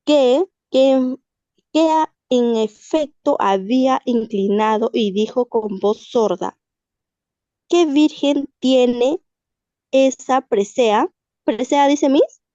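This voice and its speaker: Slow, hesitant woman reading aloud over a video call. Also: high voice, warm tone, no room sound, highs cut off. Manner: hesitant, stumbles and restarts on hard words. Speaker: student reading aloud in class. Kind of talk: halting reading aloud of a literary text.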